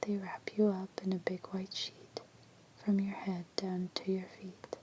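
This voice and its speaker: A woman reading creepy legends as an ASMR storyteller in a hushed, breathy whisper. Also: mid-range voice, level tone, a little slow, slight background noise.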